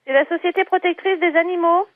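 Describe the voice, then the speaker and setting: A woman's voice: very high-pitched, fast talker, dry recording. Indignant woman on a tinny phone line. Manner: indignant, insistent. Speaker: animal shelter worker.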